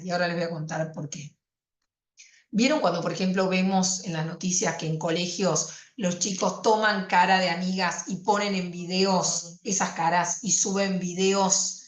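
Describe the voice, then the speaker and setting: A woman lectures on consumer law in a conversational, explanatory way, tossing in rhetorical questions. Her voice sits on the lower side, and the room around her rings with echo. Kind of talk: university lecture.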